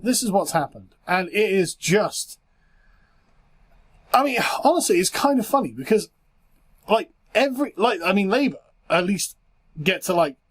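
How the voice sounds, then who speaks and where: A British political commentator ranting in a sarcastic, mocking way, often breaking into laughter. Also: medium pitch.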